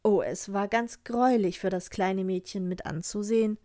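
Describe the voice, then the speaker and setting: Calm woman reading a fairy tale. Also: medium pitch, normal speed. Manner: calm, even storytelling. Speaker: storyteller.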